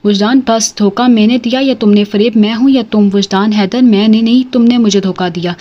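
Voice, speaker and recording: A woman's voice: fairly high pitch, steady tone, moderate pace, lo-fi sound, lightly acted. A woman reading a novel aloud, speaking as a heartbroken young wife who is tearful and defiant.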